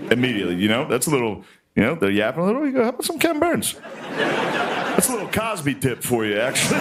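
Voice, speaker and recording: A man in his thirties works a live stand-up crowd in a loose, conversational way with deadpan asides. His voice sits at an ordinary middle pitch. Audience noise is clearly audible throughout the live recording. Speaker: stand-up comedian. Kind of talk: stand-up comedy. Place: stage before a live audience. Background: audience laughter.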